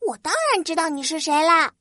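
Tiny, bossy, high-pitched flower fairy girl. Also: fairly even intonation, a little fast, bright, forceful tone, no echo, studio quality. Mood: indignant. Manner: petulant, complaining, emphatic. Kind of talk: children's storybook character voice.

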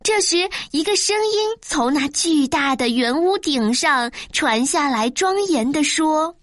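High-voiced woman reading a storybook. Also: expressive, a little slow, no echo, clean studio sound. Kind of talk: children's storybook narration.

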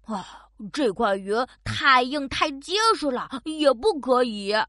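A young bear cub from a children's audio story, earnest and full of wonder. The voice is high and lively, with unhurried phrasing and a close, dry sound. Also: female voice, dry recording, heavily acted. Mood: busy, eager. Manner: hesitant, wondering, exclamatory.

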